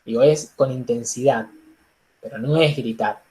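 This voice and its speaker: A man with an Argentine accent teaching public speaking in an online workshop, animated, with frequent "digo" and "entonces". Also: medium pitch, moderate pace, roomy sound. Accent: Argentine Spanish. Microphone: laptop microphone on a video call.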